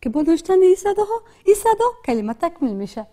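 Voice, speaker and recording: High-voiced woman w/ afghan dari accent teaching reading, slow and patient, kinda mellow tone. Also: very animated. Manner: patient, repeats words slowly, many hesitation sounds. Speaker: literacy teacher. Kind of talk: classroom lesson.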